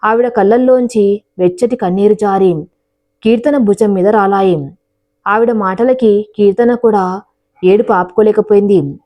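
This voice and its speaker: A woman reading a scripted family story aloud in a steady, even narration. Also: mid-range voice, a little slow, lo-fi sound.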